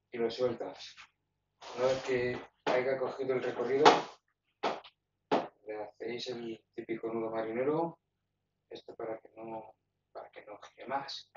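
Recorded from a distance, a medium-pitched man casually takes viewers through rigging his kayak fishing gear step by step, stopping and starting as he handles it. He films in a garage with a roll-up door using a phone camera held in hand, so the sound is echoey, dull, and noisy.

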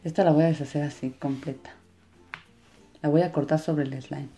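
Woman doing a casual kids toy demo, mellow relaxed voice, bit of music in the back. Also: sits low, moderate pace. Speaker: host of a children's toy and slime channel. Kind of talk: casual hands-on demonstration for children.

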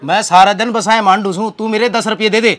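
High, bright Haryanvi complaining passenger played by a man. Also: steady tone, brisk, a little hiss or hum. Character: plain-spoken, complaining male bus passenger. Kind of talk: comedy sketch acting.

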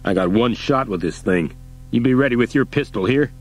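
A man's voice: mid-range voice, lively intonation, a little fast, natural voice. A man voicing a frightened middle-aged male animal keeper who talks in a nervous, defensive way. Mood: tense.

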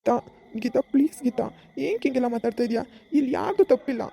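A woman playing a fast-talking village husband. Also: high-pitched, animated, vocal fry, dark tone. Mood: coaxing. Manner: brisk, scolding, then coaxing. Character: young village husband, smug then pleading. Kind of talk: comic village skit acting.

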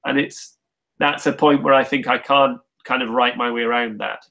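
A man who creates comics, talking about his work in a relaxed, thoughtful, self-deprecating way with frequent restarts. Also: medium pitch, normal speed, gravelly, poor audio. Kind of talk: casual conversation.

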